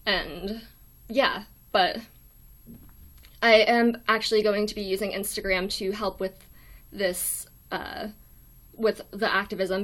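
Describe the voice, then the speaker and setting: A young woman with a thin, weak voice at a medium pitch hosts a casual livestream. She speaks hesitantly and apologetically, as if chatting informally with viewers from her room. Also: a bit bright. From United States. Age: young adult. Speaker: live stream host. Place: small dorm room.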